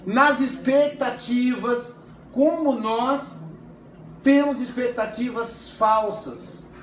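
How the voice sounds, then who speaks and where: A man's voice: very high-pitched, steady tone, drawn-out words. A man teaching a psychoanalysis class in a classroom, conversational and stretching words for emphasis. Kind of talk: classroom lecture. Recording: roomy, distant, faint noise.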